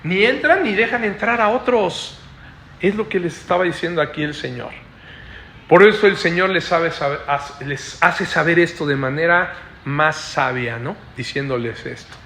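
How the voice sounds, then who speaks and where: A man with a high, bright voice gives a Bible study sermon, explaining at an unhurried pace and repeating key phrases. He keeps tossing little questioning tags to his listeners. The room around him rings with a noticeable echo. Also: gravelly, a little hiss or hum. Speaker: preacher. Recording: echoey room.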